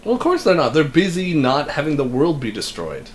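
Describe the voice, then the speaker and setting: A man's voice: on the high side, wildly swooping pitch, brisk, a little hiss or hum. A man co-hosting a casual film review podcast, enthusiastic and easygoing. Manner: enthusiastic, casual, uses "super" a lot. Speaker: podcast co-host.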